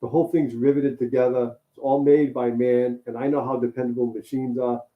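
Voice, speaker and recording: A man in a relaxed co-host chat, rambling and easygoing and often circling back on his words. His voice sits at an ordinary middle pitch. The sound is thin and tinny, like a phone line. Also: a little fast. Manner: easygoing, rambling, repeats himself. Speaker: co-host and mechanic. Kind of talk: casual chat.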